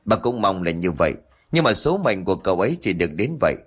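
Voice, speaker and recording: Narrator as a gentle older uncle, steady and resigned, low voice. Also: male voice, fast, breathy edge, heavily acted. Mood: consoling. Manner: calm, consoling, steady.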